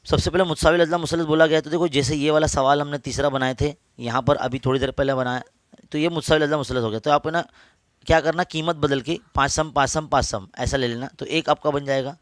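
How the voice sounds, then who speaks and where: A man's voice: a little high, steady tone, quick pace, no room sound. A man with an Urdu accent, a maths teacher patiently explaining geometry step by step to students, repeating each point.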